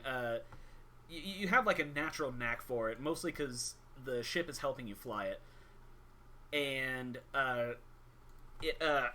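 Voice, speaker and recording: Bright-voiced man running a tabletop game. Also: mid-range voice, slight background noise. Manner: halting, improvised explanations. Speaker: game master. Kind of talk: casual tabletop game narration.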